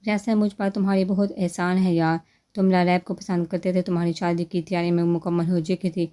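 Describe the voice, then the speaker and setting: A caring, regretful man from a romance novel, read aloud by a woman. The voice sits low and mellow, kept gentle and even, as in a storybook reading. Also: lightly acted. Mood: remorseful. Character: male businessman, caring and regretful.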